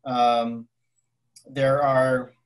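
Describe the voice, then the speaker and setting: A man's voice: mid-range voice, flat delivery, drawn-out words, poor audio. A man in his forties giving a conference keynote over a video call from his home office, thoughtful, with many fillers and restarts. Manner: gestures with his hands while talking. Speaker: keynote speaker. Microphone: laptop webcam on a video call.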